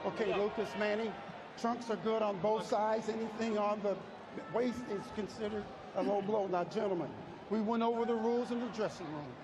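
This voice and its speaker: Male referee in a noisy ring, high-pitched, delivering firm, clipped pre-fight instructions to boxers. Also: steady tone, moderate pace. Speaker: boxing referee. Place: boxing ring in an arena. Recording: noisy arena ring microphone.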